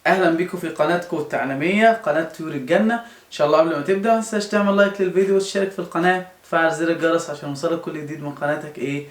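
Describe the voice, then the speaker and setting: This primary school teacher, a man with an Egyptian Arabic accent, talks rapid-fire at a fairly high pitch. He gives young children a lesson, coaxing them along with repeated questions and answers, and the recording has a roomy echo.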